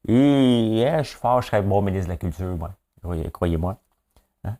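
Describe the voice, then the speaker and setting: A man's voice: fairly low pitch, animated, moderate pace, warm tone. A man with a Québécois accent hosting a casual news commentary, blunt and opinionated with a joking edge. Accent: Québécois French. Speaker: host of a daily news chat.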